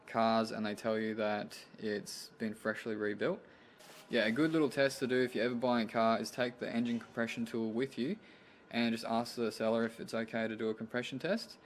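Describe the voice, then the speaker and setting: Kiwi guy chatting on a car vlog, slangy, medium pitch, bit of vehicle noise behind. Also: fairly even intonation, normal speed. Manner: laid-back, slangy, swearing. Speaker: vlog host. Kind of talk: casual car vlog chat.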